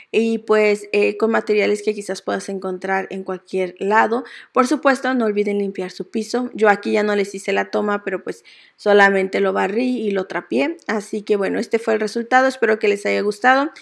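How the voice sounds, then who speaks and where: Brief: young woman, cleaning vlog narrator, strong vocal fry throughout, mid-pitched, calm step-by-step tone with filler words. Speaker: cleaning vlogger. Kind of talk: narrated how-to voice-over.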